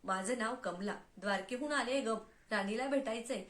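A woman voicing an angry old beggar woman, a goddess in disguise, scolding slowly and bitterly in a storybook tale. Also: fairly high pitch, fairly bright tone, echoey room, close to an everyday voice. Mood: weary.

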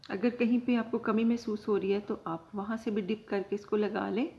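A woman hosting her own cooking channel, calmly explaining each step of a recipe to viewers from her home kitchen. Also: mid-range voice, normal speed, lo-fi sound. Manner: calm, instructive, addresses viewers directly.

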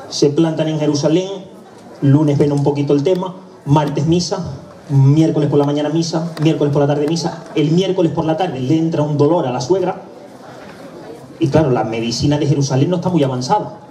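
Canarian male comic, chatty storyteller, higher voice, distant mic with faint ambience. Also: mellow, reverberant. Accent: Canarian Spanish. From La Palma, Canary Islands. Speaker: presenter and stand-up comedian. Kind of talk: live comic monologue. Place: live stage event.

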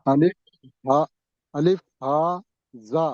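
An adult male student reads letters aloud slowly and hesitantly, pausing between each one. His voice sits a little high. The video call audio is dull and lo-fi. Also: warm tone, dry recording. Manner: slow, hesitant letter-by-letter reading.

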